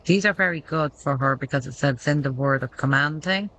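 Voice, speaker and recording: A woman's voice: sits low, brisk, a bit bright, low-quality recording. A woman giving casual gameplay commentary, thinking aloud and reading menu text out as she goes.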